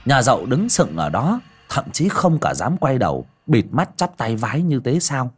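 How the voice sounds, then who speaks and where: Husky man telling a dramatic ghost story. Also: mid-range voice, sing-song, moderate pace.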